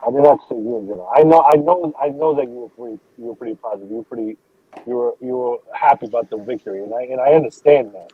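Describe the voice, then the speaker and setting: A man's voice: mid-range voice, fast talker, breathy edge. A man arguing about football on a remote call, his voice muffled as if through a wall, repeating and restarting his phrases. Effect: muffled, as if heard through a wall. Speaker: sports talk panelist. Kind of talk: casual sports debate. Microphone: earbuds on a remote call. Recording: muffled tinny phone-like line.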